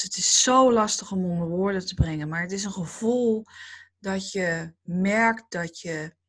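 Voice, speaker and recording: Slow, breathy woman giving a calm spiritual talk. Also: medium pitch. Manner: slow, calm, dreamy and reflective.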